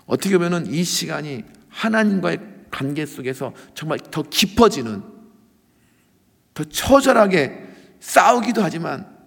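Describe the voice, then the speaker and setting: A male pastor preaching a sermon with passion, swinging from loud cries to hushed asides. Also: a little high, sing-song, unhurried, creaky, husky. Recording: long reverb of a large hall.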